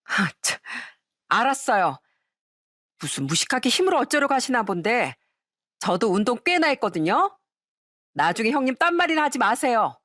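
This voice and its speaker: A woman's voice: on the high side, big pitch swings, moderate pace, long pauses, fairly bright tone, no room sound, studio quality. Woman voicing a sneering, snooty sister-in-law. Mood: smug. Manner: mocking, condescending.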